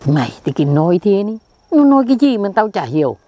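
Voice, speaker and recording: Performer doing an old village man, boastful, dim-witted, lively swooping pitch, comic skit. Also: no echo. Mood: defensive. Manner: blustering, defensive, slow.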